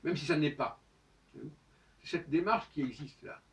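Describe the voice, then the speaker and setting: A man's voice: a little high, measured pace. A man giving a solo spoken monologue as host, lecturing with emphatic rhetorical questions. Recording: distant, dull lo-fi sound.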